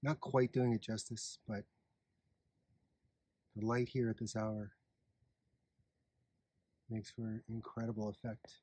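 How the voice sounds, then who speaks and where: Slightly husky man narrating a hiking vlog. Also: fairly low pitch, little pitch movement, takes it slowly, long pauses, mellow, no echo. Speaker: hiking vlogger. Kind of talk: casual outdoor vlog narration. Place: outdoors on a park trail with a stream nearby.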